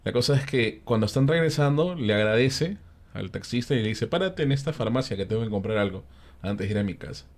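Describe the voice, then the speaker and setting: A man with a Peruvian accent telling a ghost story in a relaxed panel chat, acting out the characters' lines and using frequent fillers. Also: mid-range voice, brisk. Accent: Peruvian Spanish. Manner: animated storyteller who acts out the characters' lines; frequent fillers and tag questions.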